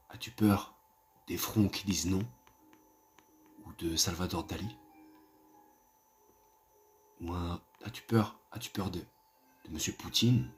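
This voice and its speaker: A man in a whispered role-play, voicing a creepy figure who asks hushed, eerie, drawn-out questions. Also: sits low, pitched below the performer's own voice. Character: creepy whispering man asking about fears.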